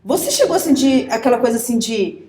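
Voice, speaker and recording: Chatty female host with a slightly high voice. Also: very animated, quick pace. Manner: warm, conversational, laughing asides to mothers at home. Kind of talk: friendly interview chat. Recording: echoey room.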